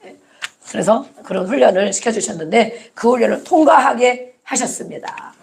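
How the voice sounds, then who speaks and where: A woman's voice: fairly high pitch, expressive, normal speed, gravelly, darkish tone, slight background noise. A woman pastor preaching a sermon with emphasis, repeating key words and acting out short quotes.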